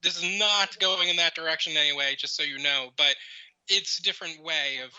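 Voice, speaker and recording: A male podcast host rambles through his questions with restarts and fillers. His voice is very bright and edgy and sits a little high. The sound is dry and a bit dull. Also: brisk, clear, resonant tone, no room sound. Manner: rambling, many fillers and restarts, sudden high laughing bursts. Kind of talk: casual interview hosting.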